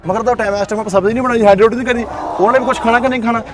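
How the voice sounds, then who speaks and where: A man's voice: very high-pitched, steady tone, rapid-fire, a crowd in the background. A man doing boastful, teasing comic banter outdoors at a zoo. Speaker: comedy sketch performer.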